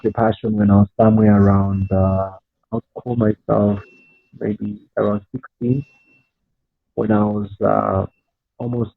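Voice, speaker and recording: A young man from Zambia talks through a thin, phone-like call line that sounds dry and close. His voice sits a little low, and he speaks unhurriedly, with plenty of fillers and restarts. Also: no echo. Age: 20s. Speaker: guest entrepreneur. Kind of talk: casual interview talk.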